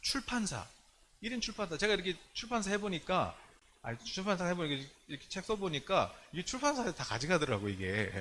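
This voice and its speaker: A male pastor's high voice moves briskly through a chatty, conversational church sermon. He speaks colloquially and animatedly, performing the quoted dialogue of the people he mentions. There is slight background noise.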